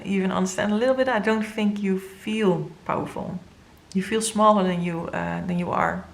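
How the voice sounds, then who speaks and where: A woman with a Dutch first language giving an earnest, halting tarot reading to viewers, with many fillers and moments where she grows emotional. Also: fairly low pitch, vocal fry. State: emotional, near tears. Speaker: tarot reader.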